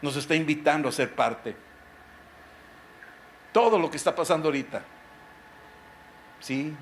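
A middle-aged pastor from Mexico, preaching a sermon emphatically and throwing rhetorical questions at the listener. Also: male voice, fairly high pitch, a little slow, slight background noise.

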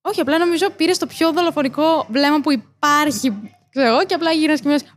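A high-voiced woman, telling a story in a lively, playful way. She chats casually as a guest, recorded outdoors in the city.

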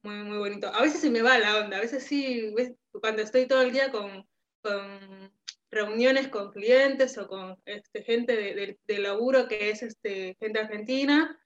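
A woman's voice: medium pitch, measured pace, muffled recording. A young Peruvian woman with a Peruvian Spanish accent, chatting as an interview guest, hesitant with many fillers and restarts. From Peru. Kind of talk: casual interview chat. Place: at home.

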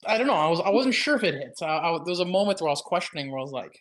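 Higher guy on a podcast, excitable, keeps restarting what he's saying. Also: rapid-fire. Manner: animated, trailing off and restarting. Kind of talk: casual podcast chat.

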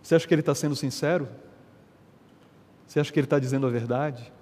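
A man preaching a sermon as a pastor, telling stories in a lively, conversational way. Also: mid-range voice, fast, breathy edge, big-room sound. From Brazil. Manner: animated, conversational preaching with storytelling.

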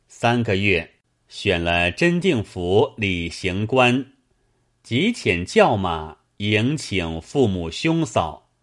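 A man reading a classical tale aloud as a storyteller, in a measured, expressive way. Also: lowish voice.

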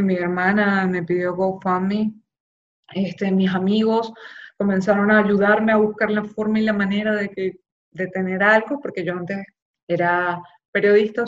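A young woman from Zulia, Venezuela, with a Maracaibo accent, giving candid, expressive personal testimony in an interview. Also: medium pitch. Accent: Maracaibo Venezuelan Spanish. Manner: candid and expressive, acting out quoted voices. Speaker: interviewee, journalist. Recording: slightly dull lo-fi sound.

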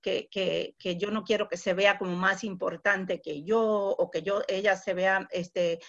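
A woman's voice: medium pitch, steady tone, gravelly, fairly bright tone. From a woman, dull audio. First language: English. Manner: halting, searching for words. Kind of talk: casual conversational interview.

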